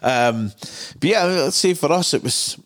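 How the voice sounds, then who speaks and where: A man's voice: fairly high pitch, lively intonation, measured pace. A man with a broad Scottish accent from Dundee, hosting a podcast in casual conversation. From Dundee, Scotland. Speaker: podcast host. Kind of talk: casual interview chat.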